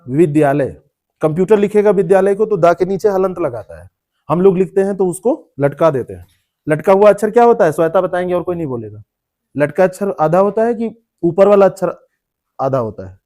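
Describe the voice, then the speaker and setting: Man teaching a classroom, dark voice. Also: high-pitched. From India. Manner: explains word meanings, repeats terms, quizzes students by name. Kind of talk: classroom lecture.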